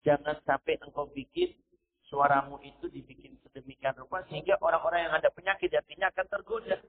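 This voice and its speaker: A man's voice: on the high side, expressive, quick pace. A male preacher giving a sermon, stressing points with a repeated "ya" and quoting Arabic verses. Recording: tinny phone-like recording.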